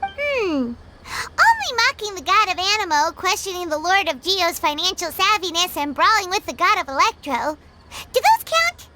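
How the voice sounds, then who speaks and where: A woman voicing a tiny, childlike fairy companion in a video game, squeaky, cheeky and excitable. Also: moderate pace, a little hiss or hum, full character voice. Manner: squeaky, speaks of herself in third person.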